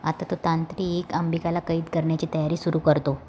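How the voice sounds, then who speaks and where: A woman recaps a TV serial episode in a steady, storytelling way. Her voice sits low and sounds mellow. Her delivery stays flat and even, with a faint hiss behind it. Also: fairly quick.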